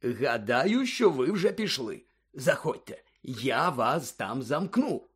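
A man voicing a calm, kindly old headmaster in an audiobook, speaking slowly and measured. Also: medium pitch, husky, heavily acted. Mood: knowing.

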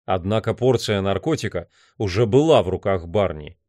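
A man narrating a novel in a measured, even reading. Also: low voice, dry recording, studio quality. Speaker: audiobook narrator. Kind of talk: scripted narration.

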